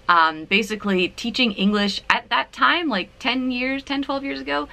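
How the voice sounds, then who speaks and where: Chatting casually to the camera from her apartment, this Canadian vlogger in her thirties is giggly and self-deprecating. She speaks at a medium pitch with a pushed, bright sound.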